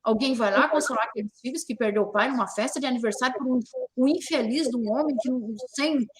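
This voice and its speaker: A woman's voice: a little high, fast talker. A woman from Brazil hosting a talk show, speaking emphatically, repeating key words and firing rhetorical questions. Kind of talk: opinionated talk show discussion.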